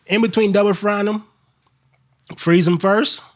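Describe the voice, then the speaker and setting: A man from Texas, a restaurant co-owner, talking in a relaxed, earnest way on a podcast and repeating himself as he goes. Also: high voice, measured pace, no room sound, clean studio sound. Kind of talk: casual podcast chat.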